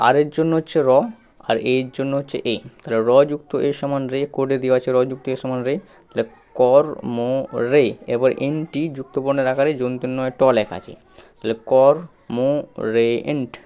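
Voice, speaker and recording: Man, spelling teacher, smooth clear voice, patient and repetitive. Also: medium pitch, fairly even intonation, quick pace, darkish tone. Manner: breaks words into letters, repeats, checks understanding. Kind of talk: slow spelling lesson.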